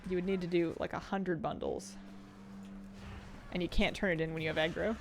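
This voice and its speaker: A woman's voice: on the low side, steady tone, fairly quick, background noise. A woman chatting casually as she streams a game, rambling and thinking aloud in a conversational way. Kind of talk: casual gaming commentary chat. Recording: game music behind voice. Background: video game music and sounds.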